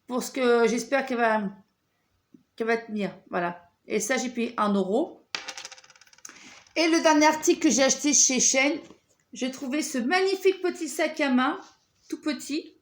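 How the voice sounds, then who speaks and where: A woman's voice: sits high, moderate pace, long pauses. A woman with a French accent, talking casually and hesitantly to camera as she shows off her shopping haul, with many fillers and restarts. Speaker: vlogger showing a shopping haul.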